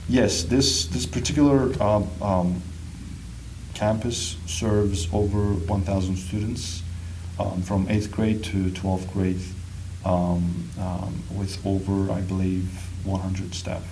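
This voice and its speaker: Low-voiced man from Turkey, hesitant. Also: fairly even intonation, slow pace, darkish tone, a little hiss or hum, low-quality recording. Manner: hesitant, many ums. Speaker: school marketing coordinator. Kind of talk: interview answers. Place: school building.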